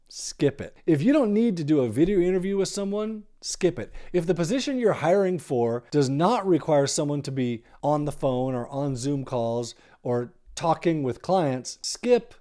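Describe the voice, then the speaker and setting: An American podcast host speaks in a mellow, slightly high voice. He gives conversational advice emphatically, repeating key phrases for stress.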